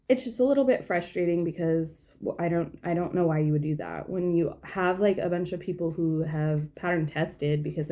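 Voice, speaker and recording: A woman's voice: lowish voice, dark tone. A young woman chatting casually at home while knitting, rambling with lots of fillers. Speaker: knitting vlogger. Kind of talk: casual chat.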